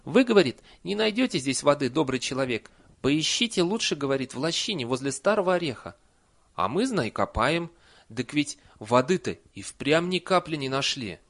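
A man's voice: a little high, big pitch swings, moderate pace, a bit bright, voice pushed up, full character voice. Man doing a deferential village well-digger. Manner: deferential, rustic storytelling.

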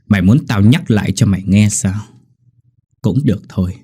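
A man voices a vengeful young servant in an audio ghost story, cold and sneering as he taunts. The voice is low, dark and husky. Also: normal speed. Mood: mocking. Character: cold, mocking young male servant bent on revenge.

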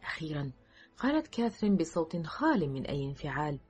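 A woman narrating an audiobook in a measured, steady storytelling manner. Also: low-pitched, slightly rough, soft background music.

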